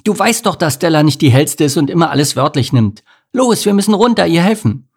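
A man's voice: medium pitch, sing-song, a little slow, a little mellow. A man voicing a sensible, stern female ant in a storybook reading, scolding firmly and indignantly.

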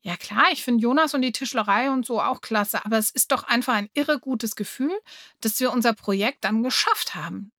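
A woman's voice: fairly high pitch, normal speed, fairly bright tone, no echo, clean studio sound. A woman voicing an eager, cheerful schoolgirl in an audiobook reading. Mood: excited.

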